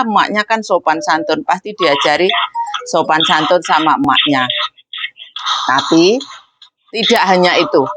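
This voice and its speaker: A woman gives a casual lesson to migrant domestic workers. Her voice sits on the low side, and the sound is dry and close. She drops English and Cantonese phrases into her speech. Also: fairly bright tone, dry recording. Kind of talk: casual instructional talk.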